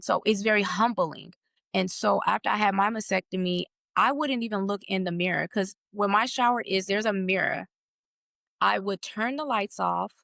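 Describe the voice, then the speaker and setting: A woman on a podcast telling a personal story in a reflective, steady way. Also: medium pitch, vocal fry, no echo, studio quality. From United States. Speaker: podcast guest. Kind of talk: emotional personal conversation.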